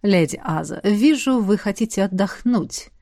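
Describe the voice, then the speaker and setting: A woman voicing a sly older man, a scheming security chief with a smooth, ingratiating manner. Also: medium pitch, animated, normal speed, warm tone, dry recording, studio quality.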